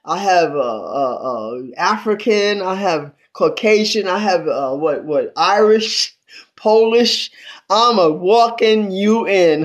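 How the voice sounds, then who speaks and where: An 82-year-old woman chatting on a phone livestream from a small room at home, calling out praise and thanks to God between greetings to viewers. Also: on the low side. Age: 80s. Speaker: livestream host. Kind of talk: casual livestream chat. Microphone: phone at arm's length.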